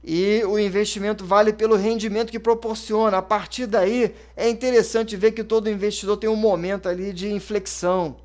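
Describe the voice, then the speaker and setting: A Brazilian man in his thirties or forties, an investment advisor, talks through his approach with a rather high voice. His delivery is casual and conversational, dotted with fillers and quick self-corrections. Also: steady tone, a little mellow. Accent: Brazilian Portuguese. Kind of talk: casual explanatory talk.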